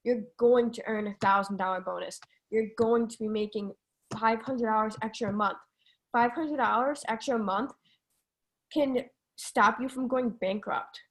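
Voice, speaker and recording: A woman's voice: on the high side, moderate pace. Encouraging woman hosting a video call. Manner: encouraging, emphatic pep talk. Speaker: host. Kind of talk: motivational talk on a video call. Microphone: video call microphone.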